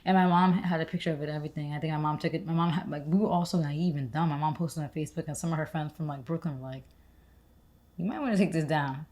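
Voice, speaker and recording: A young woman co-hosts a podcast in a loose, rambling conversational style. Her voice sits low and sounds soft and mellow rather than bright. She strings her thoughts together with frequent "like"s. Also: fairly even intonation, rapid-fire, few pauses. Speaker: podcast co-host. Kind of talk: casual conversational chat.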